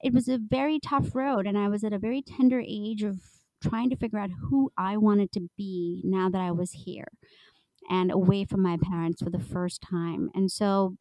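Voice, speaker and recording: A woman's voice: mid-range voice, fairly even intonation, moderate pace, mellow, no room sound, low-quality recording. A middle-aged woman from India, telling her story in a reflective, casual conversation with fillers. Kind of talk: casual chat.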